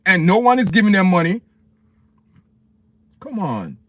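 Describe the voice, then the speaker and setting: This livestream host, a man from Jamaica, speaks with a Jamaican accent and a high-pitched, very animated voice, delivered a little slowly. He repeats himself in an impassioned, preachy rant, addressing his viewers as "people" while pushing his opinions. The sound is dry.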